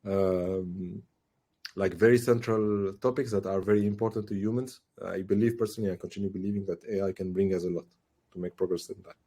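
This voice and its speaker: A man's voice: low-pitched, steady tone, fairly quick, warm tone, husky. A man in his forties from Tunisia, a podcast guest talking thoughtfully with many fillers and restarts. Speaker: guest, AI director. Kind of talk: casual podcast interview.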